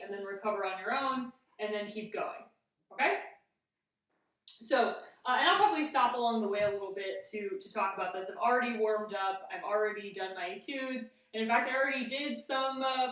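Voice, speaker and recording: A woman with a fairly high voice instructs a fencing exercise step by step. She is recorded at some distance from the microphone, and the room echoes heavily around her words. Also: a bit bright. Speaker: fencing coach. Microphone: camera at a distance.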